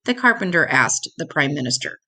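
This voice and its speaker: An older woman with a deep voice reads a picture book aloud to children, taking it slowly and expressively and stretching out key words for her young audience.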